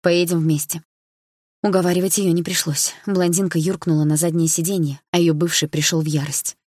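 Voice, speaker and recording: A woman narrating a novel in the first person, calm and even, close to the mic. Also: lowish voice, a little fast, dry recording. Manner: calm, even storytelling with inner thoughts. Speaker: audiobook narrator.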